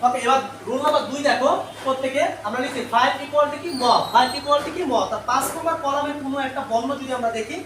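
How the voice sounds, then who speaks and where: High-voiced man teaching in an echoey room. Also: fairly even intonation, quick pace, recorded from a distance. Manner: quizzes the class with repeated questions and answers them himself. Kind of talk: live online grammar lesson. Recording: echoey room, away from the mic, faint noise.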